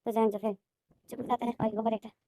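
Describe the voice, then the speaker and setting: A woman narrating a fan fiction story recap in a brisk, repetitive storytelling manner. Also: a little high, level tone, warm tone, a little hiss or hum.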